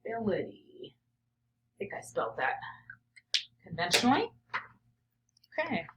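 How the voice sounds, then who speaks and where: Reading a children's story aloud, a middle-aged woman who teaches at the professor level speaks a little slowly in a mid-range, sing-song voice over background noise. She muses on the story as she thinks out loud, frequently dropping to a murmur when noting ideas.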